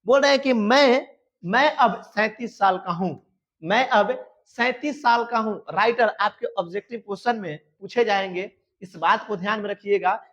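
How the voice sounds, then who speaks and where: A man with a Bihari accent teaching a class, reading English verse slowly and then explaining it line by line. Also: high-pitched, a bit bright, lo-fi sound. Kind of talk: Hindi lecture explaining an English poem.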